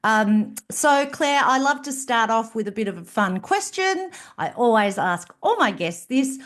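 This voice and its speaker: A woman's voice: fairly high pitch, expressive, unhurried, fairly bright tone. A woman hosting an interview podcast, presenting her guest and asking questions. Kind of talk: interview hosting with scripted introduction.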